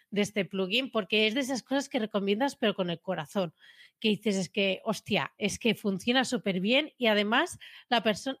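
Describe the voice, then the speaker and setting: A woman's voice: medium pitch, no room sound. A slangy woman, dry close sound. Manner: informal, slangy, talks through with restarts. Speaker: podcast guest, marketing automation specialist. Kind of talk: casual chat.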